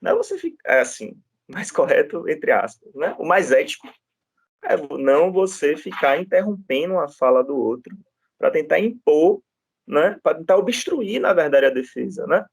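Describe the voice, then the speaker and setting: A man with a Brazilian Portuguese accent gives a law lecture, telling courtroom stories in a loose, chatty way. His voice sits a little on the high side, and he keeps tossing in quick tag questions to his students. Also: very animated, vocal fry, breathy edge, no echo. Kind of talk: informal lecture with anecdotes.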